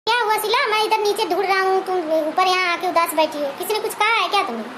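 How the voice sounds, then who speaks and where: A very high, quick cartoon voice for a protective young husband, as a woman plays him. He rattles on in his wife's defense. There is a noisy hiss behind the voice. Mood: reassuring. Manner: reassuring, indignant. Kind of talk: cartoon comedy voice acting. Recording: noisy amateur recording.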